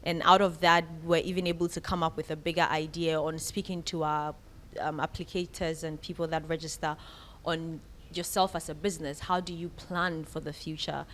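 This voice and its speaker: A woman's voice: sits low, level tone, normal speed, slight background noise. A woman speaks as a guest in a radio interview, talking about her creative enterprise in a candid, chatty, reflective way.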